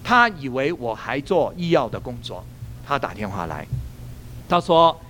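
A male pastor preaching a sermon, telling a story in an animated way and laughing at his own jokes. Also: mid-range voice, a little slow, slight background noise.

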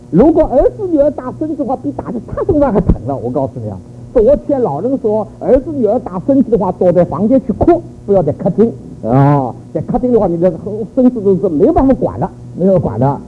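An older man giving a church sermon on raising children, telling stories animatedly and tossing in rhetorical questions. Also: sits high. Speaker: church speaker. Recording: phone-like narrow audio with faint noise.

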